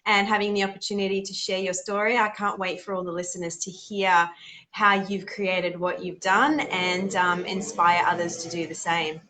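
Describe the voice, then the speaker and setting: A woman's voice: fairly low pitch, steady tone, normal speed, pushed and bright, a little hiss or hum. A woman hosting a podcast interview, encouraging her guest and often answering with "beautiful". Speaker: podcast host.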